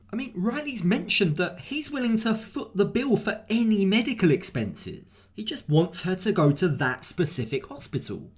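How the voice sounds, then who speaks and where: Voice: mid-range voice, slightly rough. A host giving scripted, opinionated commentary on a reality show and asking pointed questions.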